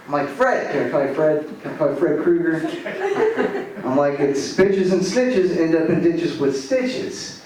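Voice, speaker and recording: A twentysomething Arizona comedian, in his late twenties, works a club stage with a loose, filler-heavy ramble. His fairly high voice is animated and measured, heard from far off in an echoey space with crowd and room noise.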